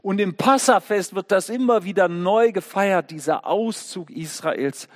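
A man's voice: high voice, unhurried. A man preaching a sermon, telling the story vividly and asking his listeners rhetorical questions. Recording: long echoing church reverb.

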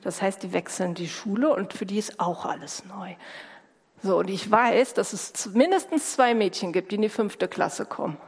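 A woman hosting an event, coaxing and chatting with children in a lively, warm manner. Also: medium pitch, normal speed, husky. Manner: warm coaxing, speaks to kids directly. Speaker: host of a school-start service. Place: large hall with a crowd. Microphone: handheld microphone. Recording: long hall reverb, crowd murmur.

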